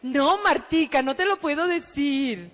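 A woman imitating a pushy female recruiter in a coaxing, drawn-out sing-song voice. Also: sits high, expressive, a bit bright. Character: pushy, sugary woman recruiter who keeps calling. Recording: echoey hall.

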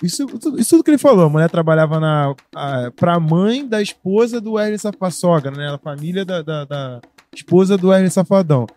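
A man's voice: high voice, lively intonation, a little fast, dark tone. A man co-hosting a casual chat, speaking hesitantly and hedging, with many restarts.

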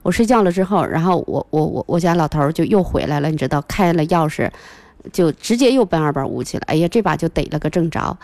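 Fast-talking woman. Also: low-pitched, no room sound. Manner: animated storyteller who acts out quoted voices. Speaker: guest. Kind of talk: casual chat, telling a family story.

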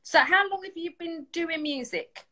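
A woman's voice: very high-pitched, moderate pace, sharp tone. A woman with a south London accent hosting a casual live music chat in an effusive, encouraging way. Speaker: online music show host.

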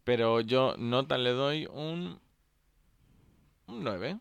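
A man with a Spanish accent from Spain, giving measured, wry opinions in a casual film review chat. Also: mid-range voice, animated, creaky, smooth, no echo. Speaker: film podcast co-host.

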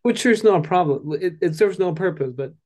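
A man's voice: sits high, animated, normal speed, a little mellow. A man co-hosting a casual podcast chat, hesitant with many restarts, steering the topic. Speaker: podcast co-host.

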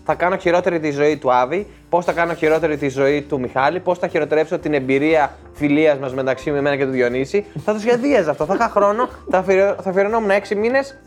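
A man's voice: on the high side, hardly any pauses, soft background music. A young man joking and laughing in a casual chat among friends.

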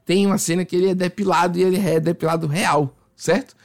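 Animated gravelly man from Salvador. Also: high voice, fast. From Salvador, Brazil. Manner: animated, acts out voices and sound effects. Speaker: podcast guest. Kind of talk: casual storytelling.

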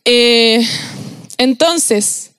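A young woman with a Chilean accent giving a casual, slangy youth sermon, animated and laughing often. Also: a little high, very slow, clean tone, no room sound, clean studio sound. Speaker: youth preacher.

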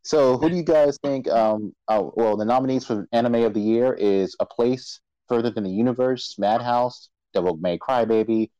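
A man's voice: mid-range voice, normal speed, hardly any pauses, mellow, dry recording, lo-fi sound. A man moderating a casual chat about anime awards, rambling with stammered restarts and frequent laughs. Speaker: podcast moderator.

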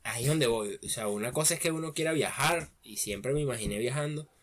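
A young Venezuelan man chatting casually on a podcast, telling lively stories and acting out his own past lines. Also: medium pitch, brisk. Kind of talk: casual chat. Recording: noisy background.

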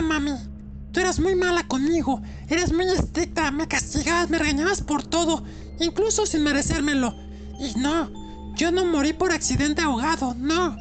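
A singsong, mocking demon boy, put on by a woman in a spoken horror tale. His very high voice teases and threatens. Music plays clearly behind him. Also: lightly acted. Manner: singsong, taunting child's calls. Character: demon posing as a small boy, mocking and vengeful.

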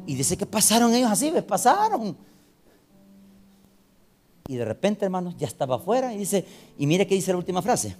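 A man's voice: high-pitched, big pitch swings, moderate pace, pauses often, a little mellow, soft background music. A man preaching a sermon and reading Bible verses aloud, calling his listeners brothers and asking them rhetorical questions. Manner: addresses the congregation as brothers, asks rhetorical questions.

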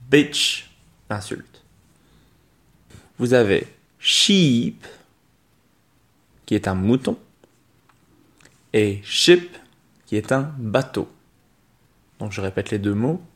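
A man co-hosting a podcast, teaching English pronunciation to French speakers and repeating each word pair slowly and carefully. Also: lowish voice. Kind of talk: slow, careful pronunciation lesson.

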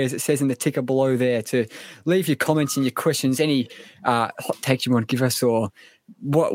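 Man hosting, medium-pitched voice. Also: dry recording. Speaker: podcast host. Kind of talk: casual live sports podcast presenting.

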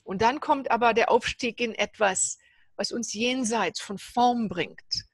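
A woman's voice: fairly high pitch, a little slow, breathy edge, no echo. A woman host reflecting at length and asking her guest thoughtful questions. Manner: thoughtful, asks in long reflective runs. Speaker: interviewer, host. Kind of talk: spiritual interview conversation.

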